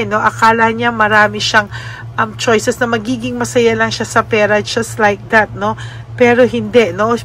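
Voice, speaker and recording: A Filipino woman giving a casual spoken card reading to her viewers, gentle and often adding little tag questions. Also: on the high side. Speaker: tarot card reader.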